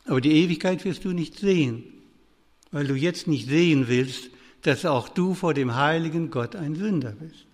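An older man preaches to a congregation with a fairly high voice that carries a long hall reverb. He speaks to his listeners directly, pressing some lines out with urgency and letting others drop low and soft. The style is a pastoral sermon lecture. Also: moderate pace.

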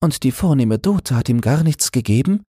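A man's voice: medium pitch, animated, moderate pace, dark tone, breathy edge, no echo, studio quality, voice pushed up. A man voicing an eager, questioning young girl in a storybook reading. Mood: indignant. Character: young girl, curious and indignant.

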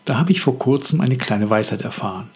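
A man who is an author hosting a scripted podcast on the craft of writing, speaking in a calm, reflective and measured way. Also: medium pitch, breathy edge.

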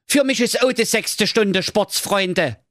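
Aladdin, a man's squeaky brash voice. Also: slow pace, a bit bright, no room sound, clean studio sound. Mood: furious. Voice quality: squeaky, shrill put-on voice. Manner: brash, cursing, indignant. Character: cheeky whiny young fairy-tale man Aladdin.

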